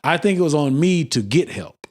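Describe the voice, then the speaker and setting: A man's voice: fairly high pitch, lively intonation, normal speed, a little mellow. A man co-hosting a podcast in casual chat, blunt, joking and often profane. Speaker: podcast co-host.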